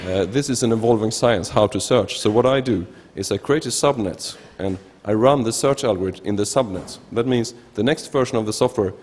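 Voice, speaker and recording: A researcher from Sweden presents an informal technical talk in a Swedish accent, his lowish voice a little mellow with a breathy edge. He speaks at a lectern into a gooseneck microphone in a large indoor conference hall full of reverb.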